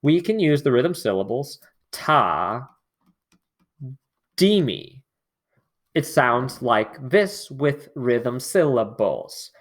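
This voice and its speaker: A man's voice: mid-range voice, sing-song, extremely slow, pauses often. A man teaching an online music lesson, explaining patiently and singing rhythm syllables.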